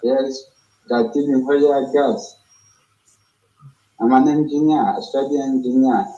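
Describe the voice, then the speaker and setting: A man on a phone call as a scammer, speaking in halting, broken English. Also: medium pitch, steady tone, warm tone, echoey room.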